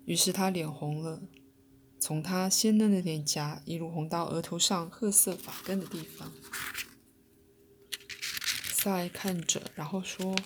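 A woman narrating a novel aloud in a steady, measured audiobook reading. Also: lowish voice, background noise. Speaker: podcast reader.

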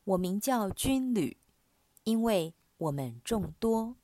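A woman's voice: medium pitch, lively intonation, takes it slowly, mellow, no room sound. A woman voicing a tormented man possessed by many demons, pleading urgently in a scripture reading.

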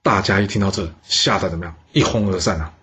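A man telling a historical tale in a lively, colloquial way. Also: deep voice, husky, highs cut off. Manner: lively, colloquial, with many drawn-out particles. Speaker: storyteller. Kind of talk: historical storytelling.

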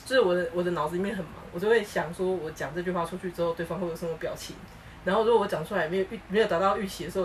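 A woman co-hosting a casual chat podcast, telling stories in a lively way and acting out what people said. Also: fairly low pitch, recorded from a distance, a little hiss or hum, low-quality recording. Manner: animated storytelling, acting out quoted lines. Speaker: podcast co-host.

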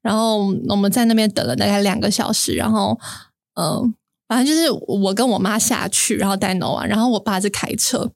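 A woman's voice: mid-range voice, a little fast, gravelly, no echo, studio quality. A young woman, chatting casually and telling a story with lots of fillers and restarts.

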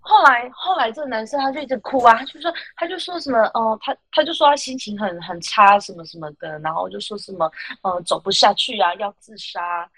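A woman hosts a casual podcast and tells her story with animated indignation, stacking filler words as she goes. Her voice sits a little high. The sound is dry and close, with no room in it. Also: fairly quick, no room sound, rough recording. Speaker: podcast host.

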